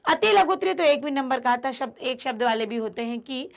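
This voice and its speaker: High, gravelly-voiced woman teacher. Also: expressive, a little fast. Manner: reads a passage aloud, then paraphrases it in everyday words for students. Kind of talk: line-by-line lesson explaining a Hindi prose text. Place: online class video.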